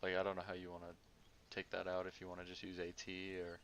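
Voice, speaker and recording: A man's voice: low voice, completely flat delivery, fast talker, a bit bright. A man on a headset handling radio calls in casual tactical chat during a military simulation game. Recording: faint background noise.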